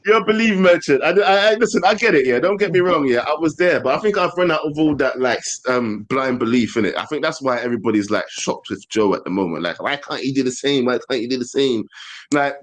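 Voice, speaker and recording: A man's voice: medium pitch, expressive, fast talker, hardly any pauses, a bit bright. London guy, roadman slang, hosting a casual football fan chat. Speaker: panel show host.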